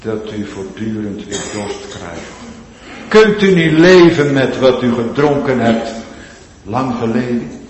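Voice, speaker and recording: A man preaching a sermon, swinging between loud pleading cries and hushed, drawn-out low phrases. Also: expressive. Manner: slow, drawn-out emphatic delivery. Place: large church. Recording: echoey church hall with long reverb.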